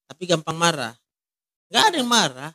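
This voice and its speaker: High-voiced man counseling with short probing questions. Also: sing-song, brisk, pushed and bright, dry recording. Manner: direct, asks many short probing questions. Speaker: counselor in a ministry. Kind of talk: one-on-one counseling talk.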